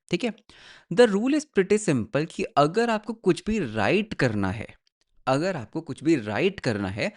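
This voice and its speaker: A man teaching a tech tutorial in a mix of Hindi and English, often checking in with "right?" and repeating phrases as he points through a diagram. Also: fairly high pitch. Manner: explains in Hindi mixed with English terms, checks in with "right?" and "ठीक है?". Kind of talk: screen-recorded tech tutorial.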